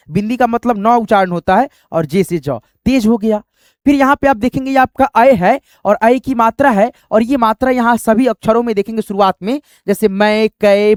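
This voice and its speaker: A man's voice: sits high, no echo, studio quality. Man spelling out words patiently. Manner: patient, spells out letters one by one. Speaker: teacher. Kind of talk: spoken lesson.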